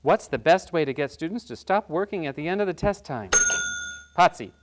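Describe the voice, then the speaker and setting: A performer playing an upbeat quiz show host who briskly announces questions and scores in a scripted game show parody. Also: mid-range voice, expressive, very noisy, natural voice.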